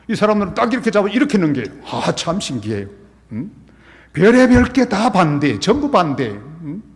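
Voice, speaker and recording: A middle-aged male pastor preaching a revival sermon in a church sanctuary. His pitch swings widely as he tells stories and acts out the people in them, and a long hall reverb trails each phrase. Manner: animated, acts out scenes and quotes.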